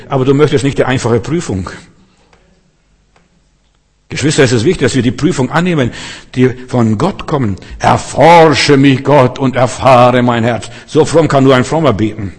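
A man's voice: mid-range voice, husky, in a large hall. A man preaching a sermon to his congregation, emphatic and fond of rhetorical questions, acting out quoted voices.

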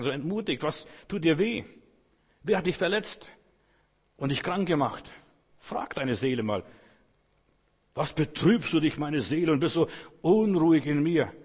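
A man's voice: a little high, husky, in a large hall. A man preaching a sermon in German, fervently exhorting his listeners and speaking to them directly.

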